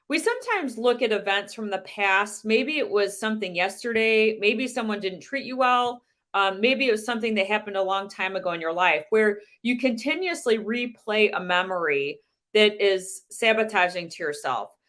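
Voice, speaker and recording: A woman giving a measured, deliberate motivational talk as a sales coach, asking the listener many rhetorical questions. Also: medium pitch, expressive, fairly bright tone. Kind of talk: motivational presentation.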